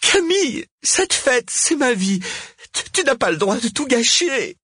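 Storybook woman in desperate tears-edge pleading, high and loud; male narrator voicing her. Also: very animated, unhurried, husky, no room sound, clean studio sound, full character voice. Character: anguished woman pleading with the mayor.

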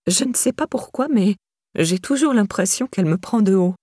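A woman's voice: medium pitch, lively intonation, normal speed, darkish tone, slightly rough, no echo. A woman reading an audiobook and voicing a frail, kindly old lady in a lightly raised voice, in a dry, close recording. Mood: fretful. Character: old woman, frail and fretful but kind.

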